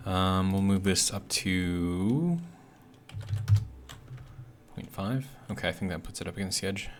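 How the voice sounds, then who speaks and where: This is a man with a low-pitched voice and a measured pace, recorded with slight background noise. As host of a gaming video series he narrates gameplay casually and hesitantly, his articulation slightly off from a bitten tongue that is healing.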